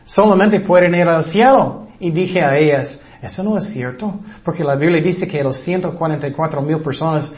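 A man with a fairly high voice gives an informal sermon. He talks conversationally, hesitating with fillers as he quotes scripture. The recording sounds dull and lo-fi. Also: moderate pace, hardly any pauses. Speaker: preacher.

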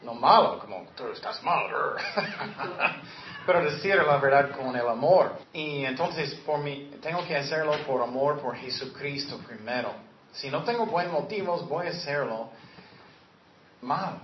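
A man's voice: a little high, normal speed, a little hiss or hum. A man preaching a sermon as a pastor, earnest and direct, sometimes acting out the voices he quotes. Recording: echoey, dull lo-fi room recording.

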